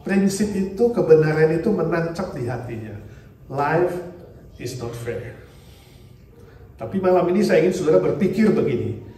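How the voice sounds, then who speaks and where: A male pastor preaching a sermon in a lively way, asking the congregation questions and mixing in English phrases. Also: a little high, moderate pace, long pauses. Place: church hall. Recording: distant mic in a very echoey church hall, faint noise.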